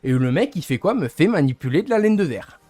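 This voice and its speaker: Young guy ranting on stream, kinda high voice, dry close sound, rambling and fed up, music faintly behind. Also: big pitch swings, fast talker, dark tone, no echo. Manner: rambling, gets annoyed, searches for words. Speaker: livestreamer. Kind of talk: casual venting to stream chat.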